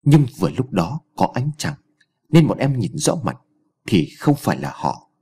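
A man's voice: fairly low pitch, sing-song, normal speed, gravelly, warm tone, slightly rough, heavily acted. A man voicing a nervous young male henchman who reports deferentially to his boss in an audiobook story. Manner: stammering, deferential.

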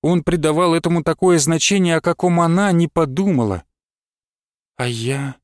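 A man narrating literary prose in a measured, steady audiobook reading. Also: fairly high pitch, clear, resonant tone, dry recording, studio quality.

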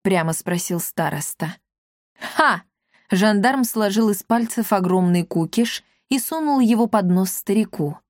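A woman narrating a children's-style story aloud in a lively, expressive way. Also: mid-range voice, moderate pace, few pauses, no room sound, clean studio sound. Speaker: audiobook narrator.

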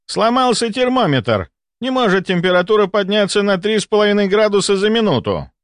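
A man's voice: sits high, sing-song, unhurried, fairly bright tone, no echo, clean studio sound, pitched above the performer's own voice, heavily acted. A man voicing a flustered, snapping senior doctor. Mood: indignant.

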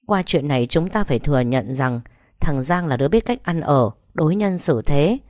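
A woman voicing a calm older husband who gently reasons with his angry wife. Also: sits low, normal speed, no room sound, clean studio sound. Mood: calm reasoning. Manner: soothing, persuasive.

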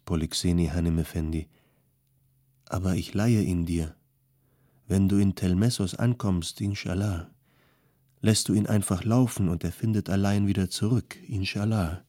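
A poor, kind old man from an audiobook, speaking modestly and gently, as a male narrator voices him. His voice is low, dark and mellow. The sound is dry and close. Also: unhurried, pauses often, no echo. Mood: humble.

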